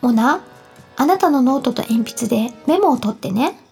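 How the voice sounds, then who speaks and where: A woman's voice: sits high, lively intonation, normal speed, gravelly, a little mellow, husky, faint music behind, heavily acted. Give me a woman doing a strict mother voice, firm and instructive. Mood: stern. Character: stern but caring mother of five.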